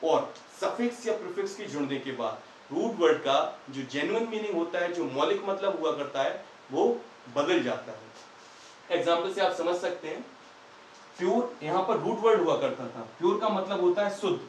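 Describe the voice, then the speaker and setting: Guy teaching english grammar, high voice, kinda far from the mic in an echoey room. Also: lively intonation, moderate pace, a little hiss or hum. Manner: patient, asks questions and answers them himself. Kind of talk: explaining English grammar in Hindi.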